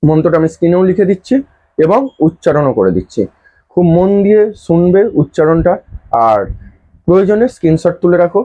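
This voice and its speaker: A man giving earnest spiritual advice straight to his viewers, explaining a ritual step by step and slowly chanting a mantra. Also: sits high, narrow, tinny audio. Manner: earnest, instructive, addresses viewers intimately. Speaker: astrology and spell advisor. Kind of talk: direct-address advice video.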